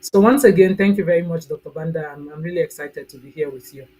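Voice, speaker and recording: A woman in her thirties with a Nigerian accent, her voice low and her pace fast, appears as a guest on a video call in a casual interview. She's a mentoring coach, warm and chatty, laughing often and tossing in "right?". The recording quality is low.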